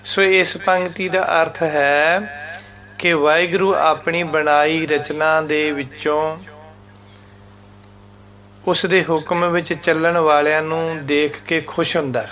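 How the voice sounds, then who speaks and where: Slow, patient Punjabi-accented male scripture teacher. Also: on the high side, level tone, sharp tone. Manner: slow, patient explaining, chants lines then repeats them syllable by syllable. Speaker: Gurbani teacher. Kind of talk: religious scripture lesson.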